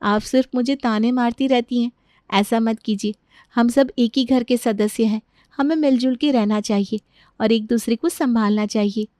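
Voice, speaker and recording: A woman's voice: a little high, normal speed, mellow, dry recording, studio quality, natural voice. A woman voicing an earnest young daughter-in-law in a cartoon story, with pleading, indignant questions.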